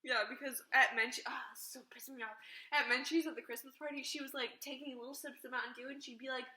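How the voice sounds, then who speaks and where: A woman's voice: high voice, fairly even intonation, fast talker, sharp tone, reverberant, rough recording. A young woman hosting a casual chat to camera with friends, joking in slang with a giggly manner. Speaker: video host.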